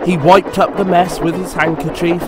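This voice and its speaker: A man narrating a storybook in a measured, clear storytelling manner. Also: high voice, little pitch movement. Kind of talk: storybook reading. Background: music.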